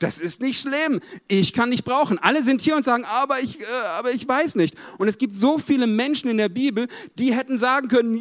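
A man with a noticeably high voice gives a sermon. His delivery is emphatic. He drops low and quiet, then lifts his voice to press a point home. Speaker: preacher.

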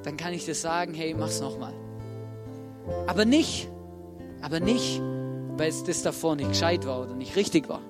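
A man's voice: fairly high pitch, lively intonation, fairly quick. Guy preaching casual, talks right at you, music going behind him. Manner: casual, direct, addresses listeners as "du", acts out quotes. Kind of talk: informal sermon to a congregation. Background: music playing under the speech.

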